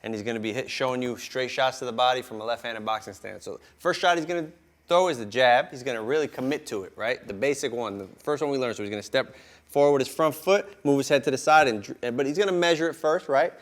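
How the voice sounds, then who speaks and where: A man coaching boxing drills hands-on, talking informally and repetitively with "right?" tags and punctuating his instructions with vocal punch sounds. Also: fast. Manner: punctuates talk with vocal punch sounds like whoop, bang, boom; repetitive, informal phrasing with frequent 'right?' tags. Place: boxing gym. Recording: clear background noise in a gym.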